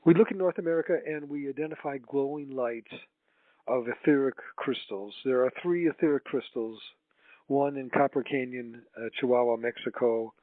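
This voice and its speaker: Solemn and mystical, a medium-pitched man serves as a spiritual channel for a guided healing meditation, drawing out his words with halting pauses. The sound is roomy and tinny, resembling a phone line.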